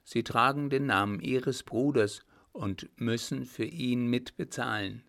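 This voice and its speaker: A man voicing a calm, commanding young German officer, firm and confident. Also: medium pitch, measured pace, gravelly. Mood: urgent. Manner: firm, confident, somewhat louder delivery.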